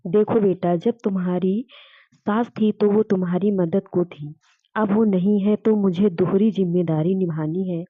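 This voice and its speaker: A woman's voice: medium pitch, steady tone, a little slow, husky, no echo, phone-quality sound. A woman voicing a kind, widowed elderly father-in-law who speaks affectionately and reassuringly to his daughter-in-law in a storybook reading.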